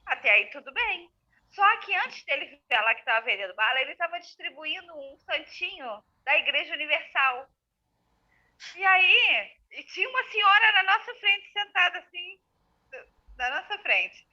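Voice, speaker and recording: A woman telling stories in a casual chat, lively and expressive. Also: very high voice, normal speed. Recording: tinny lo-fi phone line.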